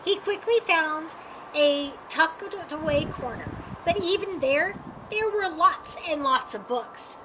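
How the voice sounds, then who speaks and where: A woman reads a children's picture book aloud in a high, bright voice, unhurried and expressive, with some noise in the background.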